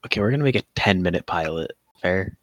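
Young male podcast co-host, low voice, dry close sound, rambling and jokey. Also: lively intonation, quick pace, a bit bright, no echo. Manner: joking, laughs often, rambling. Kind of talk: casual podcast chat.

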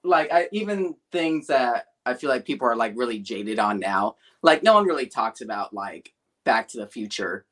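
A man in his twenties, a podcast guest who tells stories in an animated, self-dramatizing way. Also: medium pitch, normal speed. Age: 20s. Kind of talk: casual podcast chat.

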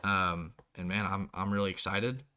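A young man, a college football player, hosting a casual interview and telling stories in a relaxed way. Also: low voice, normal speed, clear, resonant tone. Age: young adult. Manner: relaxed storytelling, animated when quoting others.

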